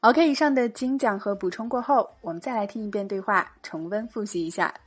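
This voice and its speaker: A woman hosting a bilingual spoken English lesson, reading dialogues and slowly drilling pronunciation with a slightly husky voice. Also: mid-range voice, soft background music. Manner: slow careful drilling of English sounds. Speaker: English teacher and podcast host.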